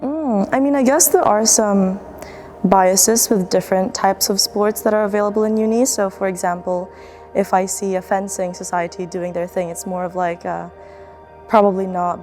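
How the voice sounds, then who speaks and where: A woman's voice: medium pitch, darkish tone. A young woman student athlete from the Philippines, speaking in a casual, reflective documentary interview with fillers and restarts. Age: young adult.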